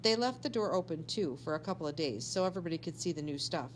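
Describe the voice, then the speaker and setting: A slightly low-voiced woman gives an animated, expressive reading of a children's story, acting out dialogue as a teacher might for her pupils. She moves at a quick pace, with faint noise and hum audible in the background.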